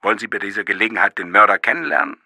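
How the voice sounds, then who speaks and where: A man reading an audiobook, voicing a rough, hoarse, pushy male police sergeant. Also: on the low side, rapid-fire, sharp tone, dry recording, studio quality, voice pushed up. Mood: insistent.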